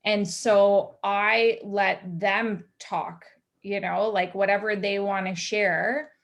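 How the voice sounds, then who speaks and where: A woman's voice: medium pitch, steady tone, slow pace. Frank, chatty woman physiotherapist. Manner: frank, filler-heavy, many "like" and "you know". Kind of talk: casual panel chat. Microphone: video call.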